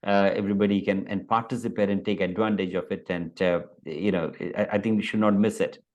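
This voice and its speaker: A man's voice: lowish voice, steady tone, fairly quick, a little mellow, muffled recording. Hesitant man teaching Vedanta. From India. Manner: hesitant, many fillers and restarts. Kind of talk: interview over video call. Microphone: video call.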